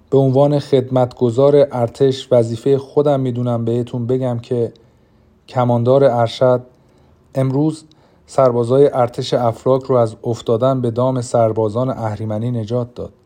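A man's voice: mid-range voice, warm tone, natural voice. A man reading an audiobook, voicing a male army general who speaks formally and firmly. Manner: formal, firm.

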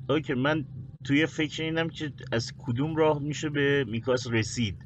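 A man playing a tabletop game, working out his moves out loud, counting numbers and checking with the game master. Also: fairly high pitch, muffled recording, slight background noise. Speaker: player. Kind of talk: casual chat at a tabletop game.

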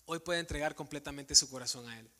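A male preacher delivers an earnest sermon, putting searching questions straight to his congregation. His voice sits a touch high and rings bright and sharp. The sound carries a long reverb, as from a big church sanctuary. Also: fast talker.

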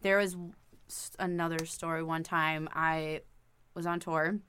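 A woman's voice: low voice, flat delivery, measured pace, fairly bright tone, slight background noise. A woman guest on a comedy podcast, talking frankly and telling candid stories in casual chat. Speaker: touring musician guest.

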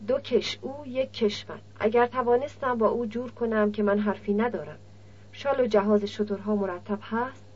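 A blunt young nomad camel driver speaks in plain, guarded words, voiced by a woman narrator. The voice sits a little high and husky. The audiobook recording sounds dull and lo-fi. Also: a little mellow.

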